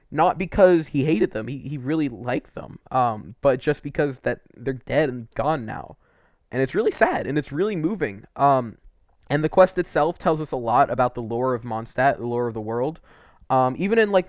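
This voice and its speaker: In a dry, clean studio recording, a medium-pitched man delivers rambling, emphatic commentary while reviewing game quests for his videos. It's casual and unscripted, heavy on opinions and "like," with some mild swearing.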